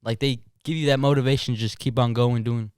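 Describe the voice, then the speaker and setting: A man's voice: medium pitch, steady tone, fast, a little mellow, clean tone, no room sound, clean studio sound. A man who is a Marine veteran and a podcast guest, talking casually in an earnest, reflective way. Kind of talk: casual chat.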